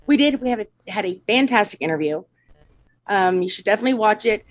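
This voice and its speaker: A woman co-hosting a casual podcast, bubbly, quick to laugh and chime in. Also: mid-range voice, expressive, rough recording. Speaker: podcast co-host.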